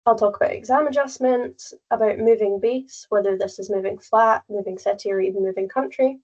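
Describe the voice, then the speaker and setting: Young woman briskly outlining a webinar. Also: medium pitch, a little mellow, highs cut off. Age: late teens. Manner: brisk, runs through an agenda in plain terms. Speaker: webinar co-presenter, young leader. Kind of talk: presenting an online webinar. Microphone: video call.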